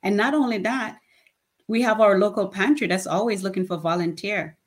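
A woman's voice: mid-range voice, normal speed. A woman, speaking plainly and emphatically as a nonprofit founder in an interview. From Jamaica. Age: 50s. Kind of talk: casual interview talk.

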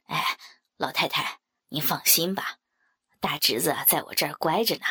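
Lady doing a deep fawning uncle guy, coaxy and chuckly, kinda husky. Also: moderate pace, bright, forceful tone, full character voice. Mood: coaxing. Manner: chuckling, coaxing, eager to please. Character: jovial middle-aged man, fawning uncle.

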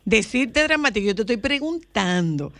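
A woman hosting a radio talk show, teasing her co-host with quick rebuttals and strings of repeated denials. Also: fairly high pitch, very animated, fairly bright tone. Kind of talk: casual studio banter.

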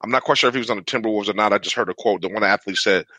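A man's voice: lowish voice, rapid-fire, pushed and bright, no room sound. A man co-hosting a casual sports podcast, talking earnestly and conversationally, filling his lines with "man" and "you know.". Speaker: podcast co-host.

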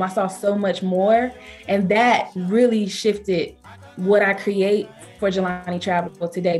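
A woman with a Southern accent tells travel stories in an easygoing interview. She leaps up in pitch to act out what others said, keeping the talk lively. Soft music plays faintly behind her. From Georgia, USA. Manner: animated, acts out quoted speech with pitch jumps. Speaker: travel company founder, interview guest. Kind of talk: conversational storytelling interview.

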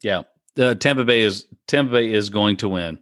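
A man's voice: lowish voice, normal speed, fairly bright tone, no room sound, clean studio sound. A man in casual sports talk among friends, repeating his predictions emphatically with many restarts. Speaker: podcast co-host.

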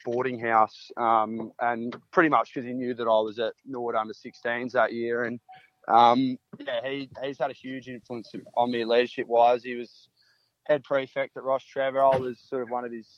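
Answering an interview in a relaxed way, a country Australian footballer in his early twenties speaks at normal speed with a level, mid-range voice and a laconic drawl. The sound is lo-fi with no echo.

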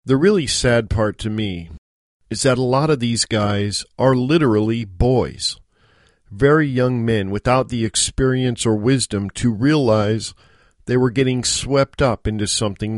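A middle-aged American man hosting a solo podcast, speaking in an earnest, measured, exhorting monologue. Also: medium pitch, no room sound, clean studio sound. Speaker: podcast host. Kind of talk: solo monologue on self-improvement.

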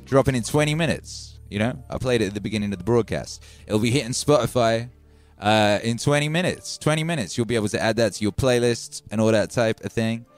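A middle-aged man from Wales with a Welsh and Birmingham accent, hosting a live stream in a casual, excitable way, swearing and thanking viewers by name. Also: medium pitch, a little fast, faint music behind.

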